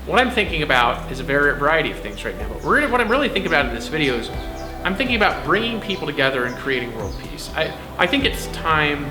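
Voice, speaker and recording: A man giving casual meditation instruction to camera in a rambling, conversational way, often tagging phrases with "right?" and "like". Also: on the high side. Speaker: meditation teacher. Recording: echoey room with music behind. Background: background music.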